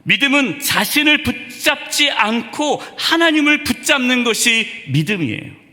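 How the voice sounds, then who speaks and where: Male pastor, Sunday sermon, rhetorical questions, lively pitch, long church-hall reverb. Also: normal speed. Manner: preaching with many rhetorical questions. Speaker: senior pastor. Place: church sanctuary.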